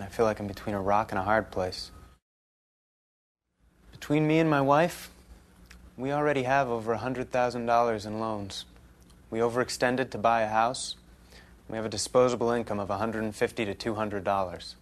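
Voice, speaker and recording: An actor playing a stressed, fed-up young resident. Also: male voice, lowish voice, normal speed, natural voice. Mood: frustrated. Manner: complaining, frustrated. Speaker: medical resident.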